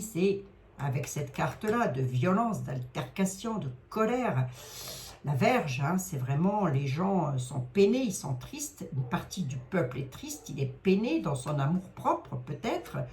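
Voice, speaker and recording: A middle-aged woman with a Lorraine accent reads cards aloud, wandering and hesitant, tacking on little fillers as she goes. Her voice sits rather low. A faint hiss of background noise runs under the recording. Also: sing-song, a little slow, a little mellow. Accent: Lorraine French. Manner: rambling, hesitant, full of fillers like hein. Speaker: psychic card reader. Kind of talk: live card reading.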